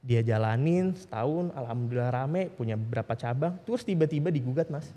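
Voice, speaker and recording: A man, a podcast guest telling stories in a relaxed, slangy, informal way. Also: medium pitch, fairly quick, big-room sound. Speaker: guest, founder of a legal aid group for small businesses. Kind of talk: casual podcast conversation.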